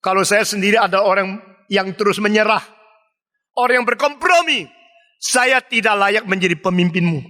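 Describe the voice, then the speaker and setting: A man pastor preaching from a pulpit in a large church, emphatic and dramatic, slowing for repeated refrains. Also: high voice, bright, forceful tone. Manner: emphatic preaching with dramatic swings and slowed repetitions. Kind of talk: sermon. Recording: long reverb of a large hall.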